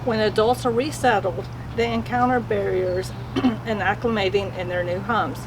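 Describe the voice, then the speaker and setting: Measured woman with noisy ambience. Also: mid-range voice, steady tone.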